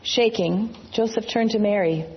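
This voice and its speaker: A woman narrating a storybook reading in a measured, reverent manner. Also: mid-range voice, highs cut off.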